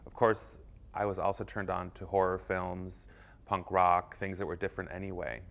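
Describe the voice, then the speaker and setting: Man, very low gravelly voice, halting and restarting, interview. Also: fairly even intonation, a bit bright. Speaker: documentary interviewee.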